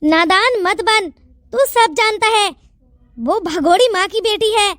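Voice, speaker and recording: A woman voicing a sharp-tongued, suspicious old grandmother in a cartoon, talking in a scolding, taunting way. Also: very high voice, slow, dry recording, exaggerated voice.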